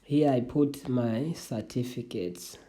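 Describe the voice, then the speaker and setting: A young adult tutorial vlogger, a first-language Swahili speaker, gives a casual, halting walkthrough of an online application, restarting often and calling viewers "family." The voice is medium-pitched and warm.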